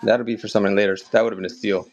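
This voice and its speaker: A man's voice: fairly low pitch, flat delivery, rapid-fire, darkish tone, muffled recording. A man running a live collectibles auction stream, chatting casually and upbeat with viewers as he sells items.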